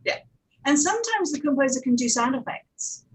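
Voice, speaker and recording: Her voice is high and sing-song, moving at a moderate pace, and the recording is rough. As an audio producer on a panel, she presents informally and conversationally, drifting into stories and asides.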